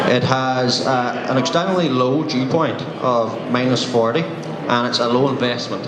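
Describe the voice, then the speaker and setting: A man in his thirties with a Donegal Irish accent, giving a conference presentation as a sales engineer. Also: mid-range voice. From Donegal, Ireland. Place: conference room, indoors. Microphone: handheld microphone, recorded by a distant camera. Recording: roomy echo, loud room noise.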